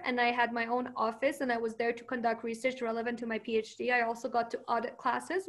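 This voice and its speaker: Her first language is Persian, and she fields interview questions confidently. The woman's voice is high, and laughter frequently breaks in between her points.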